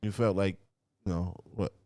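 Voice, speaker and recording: A man's voice: low voice, fairly even intonation, moderate pace, darkish tone, no echo, studio quality. A man hosting a casual event recap, talking informally in street slang and rambling through his retelling. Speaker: host, event commentator.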